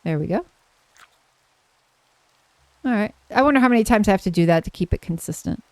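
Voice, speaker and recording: A woman streamer giving casual live gameplay commentary, gushing and excitable as she talks to herself and her chat. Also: medium pitch, a little fast, no room sound.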